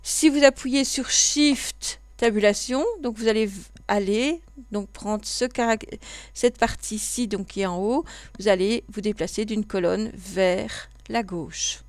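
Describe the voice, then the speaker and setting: A woman with a Belgian French accent, calmly walking learners through keyboard use step by step in a computer class tutorial. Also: medium pitch, a little slow, no room sound. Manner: patient step-by-step explaining, with frequent fillers. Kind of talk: screen-recorded tutorial.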